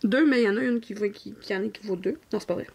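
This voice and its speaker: A woman in her thirties with a Québécois French accent chats casually to viewers as a diamond painting vlogger while she crafts. Her voice is medium-pitched, fast, a little mellow and slightly rough. She rambles, corrects herself, and often trails off into a near whisper.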